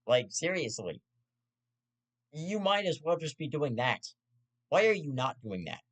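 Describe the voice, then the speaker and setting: A man's voice: fairly high pitch, sing-song, measured pace, fairly bright tone. Young male host, profane rambling rant, stammers and restarts, half-serious. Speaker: host of his own commentary show. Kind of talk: ranting casual commentary.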